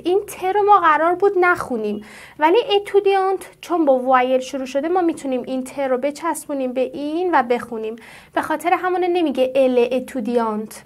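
A high-voiced woman teaches French slowly in a classroom-style language lesson. She draws out her pronunciation of French words, explains patiently and asks the class questions.

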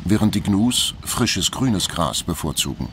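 A man reading scripted nature documentary narration in a measured, factual storytelling manner. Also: sits low, very animated, background noise.

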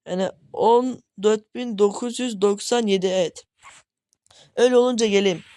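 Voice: medium pitch, normal speed, darkish tone, no echo. Frustrated gaming commentator, grumbling at teammates. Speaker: gaming channel host. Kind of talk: gameplay commentary. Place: at home.

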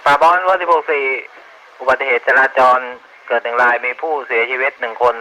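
A man's voice: mid-range voice, brisk, pushed and bright. A man reporting over a crackly walkie-talkie. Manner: clipped formal radio report. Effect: heard over a walkie-talkie radio. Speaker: police station radio operator. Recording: distant noisy two-way radio transmission.

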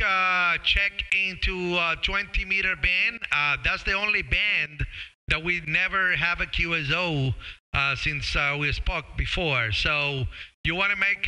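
Working a casual ham radio contact on his live stream, a middle-aged operator stumbles and repeats call signs and words. With a headset on, he speaks right into a boom-arm studio mic in a high, bright, forceful voice that is clear and resonant despite the poor audio.

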